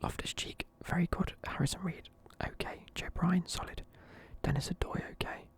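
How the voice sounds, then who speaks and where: A man's voice: high-pitched, fairly even intonation, moderate pace. A young man in a casual video, whispering sleepily as he reviews football teams and swears offhandedly. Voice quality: whispering throughout. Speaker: video creator.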